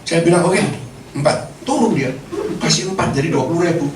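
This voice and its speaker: A middle-aged man preaches in a lively storytelling way, his rather high voice leaping up and down as he acts out the dialogue. He sounds distant from the mic in an echoey church hall with faint noise behind him. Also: fast. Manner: storytelling, animated, acts out dialogue, laughs often. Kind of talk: sermon with personal testimony.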